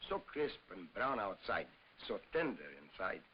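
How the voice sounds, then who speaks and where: A man's voice: fairly low pitch, big pitch swings, moderate pace. A man playing a cheerful, dashing Western hero in a 1950s TV commercial. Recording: muffled, hissy old TV soundtrack.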